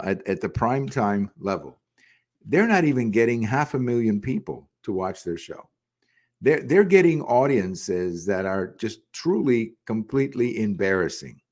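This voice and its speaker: Older male host, low-pitched, rambling solo opinion monologue with plenty of restarts. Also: darkish tone. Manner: conversational, frequent "uh" and restarts. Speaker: podcast host. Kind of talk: solo political commentary.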